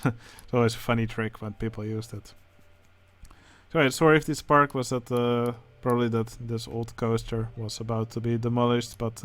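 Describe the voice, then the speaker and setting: A man with a Dutch accent, speaking English as a second language, who hosts a channel and comments casually on game contest entries, pausing often with filler sounds. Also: medium pitch. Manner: hesitant, many filler sounds. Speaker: channel host judging a building contest.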